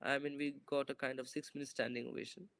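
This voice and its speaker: A young filmmaker appearing as a guest responds to interview questions on a video call, using his laptop camera in a bright indoor room. He speaks at a quick pace in a medium-pitched, level voice that's a bit bright with vocal fry, captured dry. He's pensive and tentative, with many fillers and false starts.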